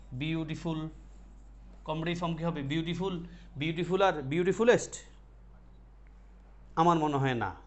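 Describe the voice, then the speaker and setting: Guy teaching an online class, kinda high voice, repeats stuff and asks the students questions, muffled audio. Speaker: English teacher.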